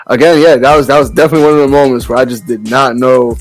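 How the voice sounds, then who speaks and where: A man's voice: mid-range voice, steady tone, very fast, soft background music. A man co-hosting a casual podcast, talking loosely and profanely with frequent restarts. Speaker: podcast co-host. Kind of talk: casual chat.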